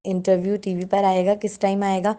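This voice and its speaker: A woman's voice: medium pitch, little pitch movement, warm tone, natural voice. Woman reading a teasing young man.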